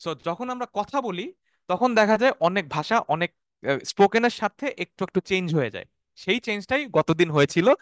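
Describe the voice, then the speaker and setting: A man teaching an online Arabic class, explaining terms slowly, repeating them and checking often that students follow. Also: high voice, expressive, dry recording, studio quality. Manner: has students repeat words after him.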